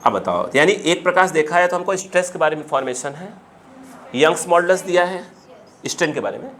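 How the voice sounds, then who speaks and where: A man's voice: high voice, animated, a bit bright. Man teaching a physics class. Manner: dictates slowly, then explains fast and chatty. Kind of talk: classroom lecture.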